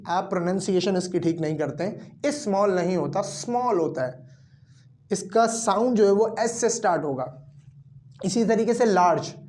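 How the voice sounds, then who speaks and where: Slow, deliberate male grammar teacher. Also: sits high, mellow. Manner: slow, deliberate, repeats and spells out example words. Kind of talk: classroom lesson explaining grammar rules.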